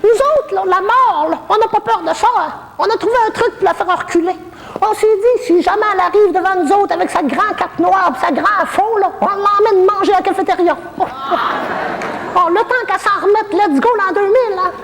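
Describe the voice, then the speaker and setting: Woman playing a gravelly Québécois old lady. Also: extremely high pitch, normal speed, long reverb tail, a crowd in the background, noisy background. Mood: cheeky. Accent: Québécois French. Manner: saucy, gossipy, self-mocking jokes. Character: cheeky, bawdy old woman living in a retirement home. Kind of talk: stand-up comedy character monologue.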